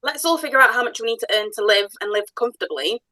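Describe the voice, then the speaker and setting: Bright, chatty woman hosting a podcast. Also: a little high, quick pace, dry recording, poor audio. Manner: chatty, enthusiastic, animated storytelling. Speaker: podcast host, business owner. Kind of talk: casual podcast conversation.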